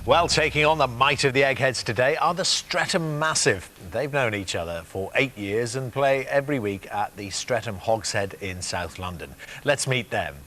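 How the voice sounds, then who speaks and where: A male game show host in a TV studio, reading out multiple-choice questions at a brisk clip. He keeps things lively and drops in the odd "uh" as he chats with the players. His voice sits at an ordinary mid pitch. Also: slight background noise. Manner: brisk, upbeat, with frequent "uh" fillers. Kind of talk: television quiz hosting. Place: television studio.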